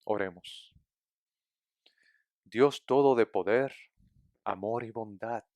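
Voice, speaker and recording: A man leads a formal liturgical prayer in a solemn, measured voice. He speaks very slowly and evenly. The sound is close and dry, with no room echo. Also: mid-range voice. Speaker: prayer leader.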